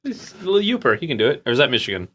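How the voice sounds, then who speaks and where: A man co-hosting a comedy podcast, tossing out jokes and quick asides. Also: mid-range voice, sing-song, a bit bright. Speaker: podcast host.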